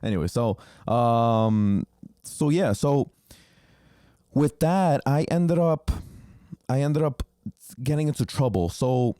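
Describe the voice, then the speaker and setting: Slow and full of long pauses, his medium-pitched voice is mellow, clear and resonant, with lively intonation. The speaker is a native Spanish-speaking podcast host in his twenties from New Jersey, loosely recounting his childhood with frequent ums and some swearing, in clean studio sound with no room noise.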